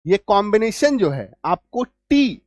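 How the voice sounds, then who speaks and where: Guy teaching spelling rules, keeps asking "clear?", dry close sound. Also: high-pitched, sing-song, no room sound. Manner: checks understanding often, spells letters out slowly. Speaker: English teacher. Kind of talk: spoken spelling lesson.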